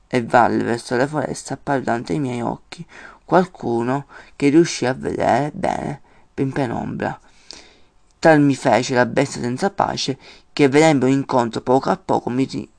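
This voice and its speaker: A man's voice: mid-range voice, vocal fry, darkish tone. A man teaching a lesson on a classic poem, explaining at length and often stopping to restart his words. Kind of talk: informal lesson.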